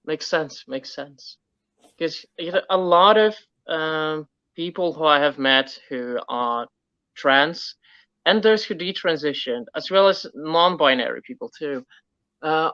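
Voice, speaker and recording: A man hosting a casual conversation, hesitant and filling pauses with um. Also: a little high, bright, forceful tone, clear, resonant tone, no echo. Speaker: host. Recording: dull dry lo-fi sound.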